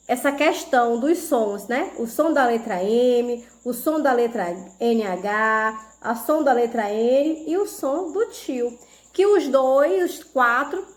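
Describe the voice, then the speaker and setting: Brazilian lady teacher, high voice, really slow and patient, walking kids thru it step by step. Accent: Brazilian Portuguese. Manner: slow, patient, explaining step by step with frequent checks. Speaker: primary school teacher. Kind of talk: video lesson.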